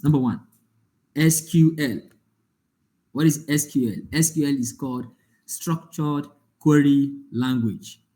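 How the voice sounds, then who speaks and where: Man teaching with a mellow voice. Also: medium pitch. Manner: explains with examples, often checks the class understands. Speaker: data analytics instructor. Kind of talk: live online lecture. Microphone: online call.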